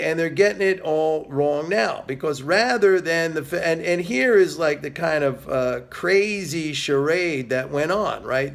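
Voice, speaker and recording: A man's voice: fairly high pitch, vocal fry. A middle-aged man giving solo market commentary to camera, emphatic and sarcastic, with frequent filler sounds. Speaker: video host.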